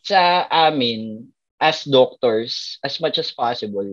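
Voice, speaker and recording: A man's voice: medium pitch, takes it slowly, muffled recording. A man who works as a doctor, telling funny hospital stories in a casual chat and acting out the voices of the people in them. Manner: animated, laughs a lot, acts out voices in anecdotes. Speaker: doctor and podcast host.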